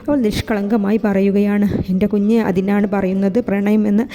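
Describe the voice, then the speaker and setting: Soft-voiced woman narrating a story. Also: medium pitch, little pitch movement, normal speed. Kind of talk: reading a romantic novel aloud, voicing all characters herself. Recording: long reverb with soft background music. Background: soft music.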